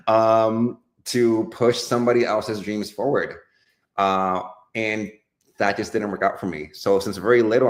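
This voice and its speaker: A young adult man from the Dominican Republic, a life and business coach, talking earnestly and upbeat with fillers and soft laughs in an interview. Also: lowish voice. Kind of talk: casual interview conversation.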